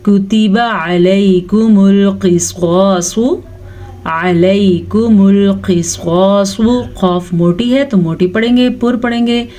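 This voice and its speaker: A woman teaching Quran recitation rules step by step, explaining each letter and then reciting the phrases slowly and drawn out. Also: fairly low pitch, warm tone.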